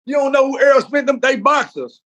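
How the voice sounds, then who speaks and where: A man in casual chat, telling a long joke with animated delivery and often repeating words as he stumbles through it. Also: very high voice, a little fast, lo-fi sound. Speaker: co-host.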